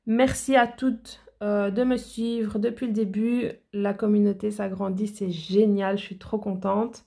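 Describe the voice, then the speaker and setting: A woman's voice: medium pitch, little pitch movement, unhurried, vocal fry, dark tone. A woman nail educator talking in a chatty, enthusiastic way to her viewers in a casual product haul, with many fillers and restarts.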